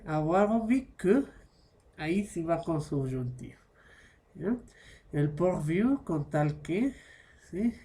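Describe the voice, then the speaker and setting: A man's voice: a little high, darkish tone. A man teaching French grammar as a lesson, explaining in one language and switching into French for examples, constantly checking with short tag questions. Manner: checks understanding with constant "¿ya?" and "¿no?" tags.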